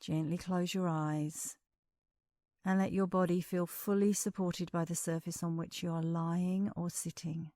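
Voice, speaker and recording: A meditation instructor, a woman with a lowish voice, leads a guided session in a calm, soothing, measured manner, leaving long pauses. There's no room sound in the recording.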